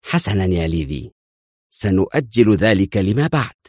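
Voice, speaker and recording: A man's voice: deep voice, very animated, normal speed, a little mellow, no room sound. Brief: man doing cunning spymaster general, stern and probing, dry studio read. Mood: cool suspicious. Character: suspicious shrewd Israeli intelligence general.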